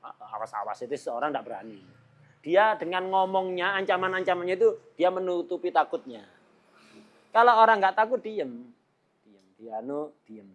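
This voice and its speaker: Male religious teacher, middle-aged, slightly high voice, playful and laughing between points. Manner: jokey, laughs often, mimics chatter. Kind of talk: Islamic law lesson.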